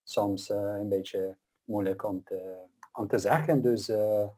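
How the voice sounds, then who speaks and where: A man hosting in casual chat, halting and searching for words. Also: fairly low pitch, fairly even intonation, dark tone. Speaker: host.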